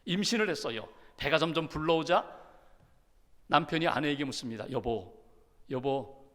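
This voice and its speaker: A male pastor preaching a sermon in a church, animated, building repetitions and asking rhetorical questions. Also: fairly high pitch, fairly quick. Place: church sanctuary. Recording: long hall reverb.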